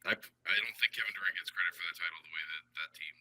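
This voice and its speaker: A man's voice: low voice, noisy background. A man co-hosting a casual sports podcast, his voice thin and distant as if through a tin can phone from a faulty headset. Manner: quick, talks over others. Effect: thin, distant sound like a tin can phone. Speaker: podcast co-host. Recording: tinny faulty headset mic, far off.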